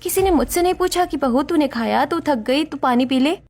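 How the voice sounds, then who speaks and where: Speaking fairly quickly in a high-pitched, slightly mellow voice, a woman acts out a Hindi story scene as a young Indian daughter-in-law who is overworked and exasperated. She complains throughout but remains polite to her elders.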